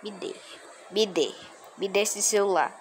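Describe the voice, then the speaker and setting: A woman's voice: mid-range voice, a little hiss or hum, close to an everyday voice. A woman doing a strict, suspicious male teacher. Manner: slow, drawn-out questioning.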